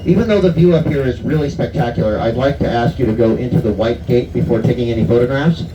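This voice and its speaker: A man's voice: mid-range voice, quick pace. Bus tour guy reciting his sightseeing spiel, far from the mic, noisy ride. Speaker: tour bus driver and guide. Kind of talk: rehearsed tour commentary. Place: tour bus on a hill road. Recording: echoey, distant, muffled, noisy vehicle sound.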